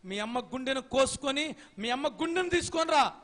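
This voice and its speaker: A man's voice: very high-pitched, expressive, a little fast, fairly bright tone. A man voicing a scheming young wife who pushes her husband against his mother, in a preached story.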